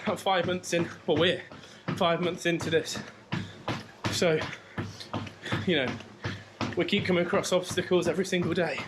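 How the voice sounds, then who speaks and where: A man chatting casually to his vlog viewers while running on a treadmill at home. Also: high voice. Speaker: vlogger. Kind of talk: casual chat to camera. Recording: clear background noise of treadmill, clicks.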